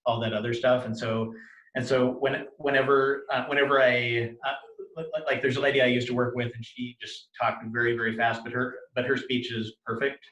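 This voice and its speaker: Sharing what cluttering is like for him, a man speaks in a mid-range, level, somewhat bright voice. The account is cluttered and disjointed, with many repetitions of syllables and words plus constant restarts and corrections. Echo and room sound fill the video recording.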